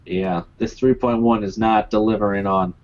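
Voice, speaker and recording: A man co-hosting card game commentary in a relaxed, wry tone. His audio sounds dull and slightly muffled. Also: on the low side, moderate pace.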